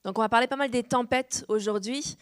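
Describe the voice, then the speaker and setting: A woman pastor in her thirties from France, preaching a sermon with an easy, earnest manner and a light French accent, full of amens and little pauses. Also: on the high side, clean tone. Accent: French, slightly shifting. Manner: warm, earnest preaching with frequent "amen" and "euh". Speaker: guest pastor. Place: church hall.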